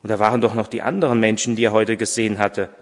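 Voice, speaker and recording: A pastor reading a story aloud in a church service, measured and a little hesitant when speaking freely. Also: male voice, on the low side, little pitch movement. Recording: long church reverb, distant mic.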